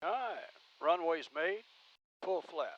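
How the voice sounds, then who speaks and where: A man flying a small plane, making radio calls and calmly reading his landing checklist aloud through a cockpit headset mic. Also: on the high side, slow. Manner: calm, methodical checklist recital. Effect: cockpit headset intercom. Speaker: private pilot. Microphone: headset boom mic. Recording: muffled headset audio, faint engine noise.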